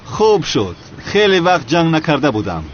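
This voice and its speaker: A man's voice: a little high, big pitch swings, slight background noise. An actor dubbing a police commissioner who scolds an unruly younger man. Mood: exasperated. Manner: scolding, exasperated. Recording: dull lo-fi with loud music.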